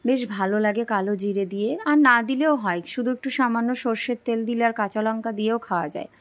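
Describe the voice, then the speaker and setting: A young woman, talking softly and slowly through a daily vlog while feeling unwell. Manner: soft, slow and low-energy. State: unwell and tired. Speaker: vlogger. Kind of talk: daily life vlog voice-over.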